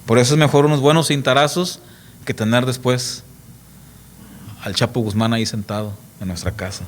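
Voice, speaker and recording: With a medium-pitched voice at a moderate pace, this middle-aged pastor delivers a forceful church sermon. He asks the congregation rhetorical questions and animates his stories by acting out the voices of the characters.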